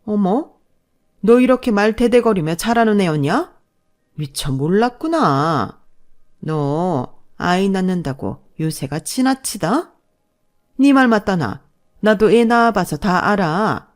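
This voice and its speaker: A woman voicing a sharp-tongued older mother-in-law who scolds and mocks her daughter-in-law in a storybook reading. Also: expressive, slow. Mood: scornful. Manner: scolding, shrill outbursts.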